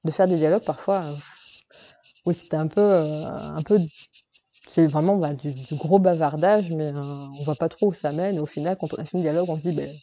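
Speaking briskly in a low-pitched voice, a novelist chats informally with a workshop group about writing craft. She hesitates often, restarting sentences and leaning on fillers, and the audio lacks high frequencies.

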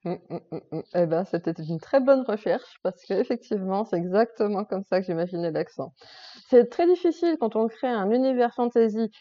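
A woman's voice: medium pitch, expressive, brisk, lo-fi sound. A woman author hosting a casual live chat who laughs often and fills her talk with "euh" and "voilà". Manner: chatty, laughs often, many fillers.

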